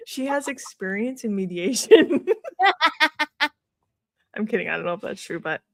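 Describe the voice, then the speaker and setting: A woman's voice: medium pitch, very animated, a little slow, fairly bright tone, no room sound, studio quality. A woman co-hosting a book club chat, laughing often and reading from her notes. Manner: giggly, reads from her notes. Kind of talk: casual chat.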